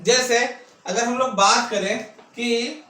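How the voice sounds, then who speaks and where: A high-pitched man gives an online English grammar lesson. He keeps asking his own questions and answering them, stretching out his words. His voice sounds echoey and a little distant from the mic. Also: fairly even intonation, slow pace, sharp tone. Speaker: English teacher.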